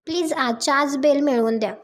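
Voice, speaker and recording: A woman reading out the lines of a bitter, scheming woman who faces jail and swears revenge, in a plain high recap voice. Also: brisk, natural voice.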